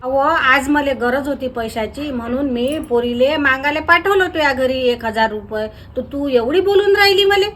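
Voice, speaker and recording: Woman, comedy skit, high pitch, indignant and argumentative, faint noise. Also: moderate pace, hardly any pauses, fairly bright tone. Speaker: comedy sketch actor. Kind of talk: village comedy sketch.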